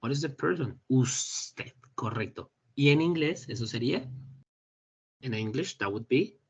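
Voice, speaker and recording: Husky man teaching English online. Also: mid-range voice, lively intonation. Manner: explains in Spanish, models English phrases slowly. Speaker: English instructor. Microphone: computer mic on a video call. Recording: dull lo-fi meeting recording.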